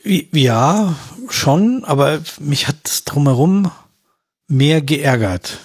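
A man's voice: a little high, expressive, takes it slowly, breathy edge, no echo, studio quality. A man in casual film-review chat, rambling and slangy, trailing off mid-sentence. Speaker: film podcast co-host.

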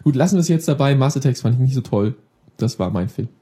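A man co-hosting a podcast, chatting in a relaxed way. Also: mid-range voice, quick pace, slightly rough. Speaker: podcast co-host. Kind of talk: casual chat.

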